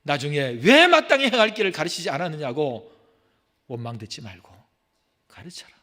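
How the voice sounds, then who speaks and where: A man preaching a sermon as senior pastor, swinging from loud urgent exhortation to hushed, near-whispered pleading. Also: mid-range voice. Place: church sanctuary. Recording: long hall reverb from the sanctuary.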